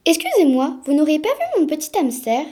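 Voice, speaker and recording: A woman's voice: sits high, wildly swooping pitch, fairly quick, warm tone. A woman voicing a brave, caring ten-year-old girl in a storybook reading. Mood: urgent.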